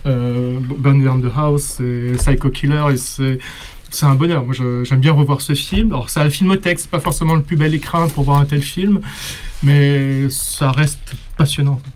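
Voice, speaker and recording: A man's voice: medium pitch, steady tone, moderate pace, darkish tone. A man chatting casually and enthusiastically as a film reviewer on a radio panel. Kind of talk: casual chat.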